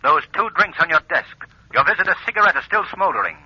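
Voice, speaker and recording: Commanding mysterious radio crime fighter, theatrical, tense and husky, old 1940s lo-fi sound. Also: male voice, fairly high pitch, very animated, fast, no echo. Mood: stern, accusing. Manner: theatrical, interrogating, precise. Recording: dull old-time radio recording.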